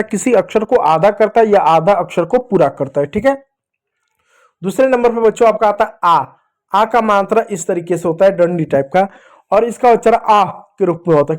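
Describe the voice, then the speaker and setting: A man teaching young children to read, patiently repeating each sound and answering his own questions. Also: sits high. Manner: addresses the viewers as dear children. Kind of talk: children's reading lesson.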